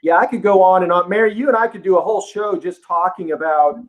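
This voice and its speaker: A man guest on a podcast chats casually and eagerly about rock music. His voice sits a little high for a man. He sounds friendly and easygoing. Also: quick pace, highs cut off. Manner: enthusiastic, friendly rock fan. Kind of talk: casual interview chat.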